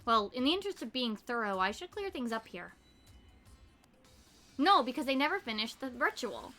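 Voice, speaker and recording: A woman's voice: a little high, very animated, normal speed, sharp tone, faint music behind. A woman streamer giving casual live commentary as she plays a game. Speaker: streamer, VTuber.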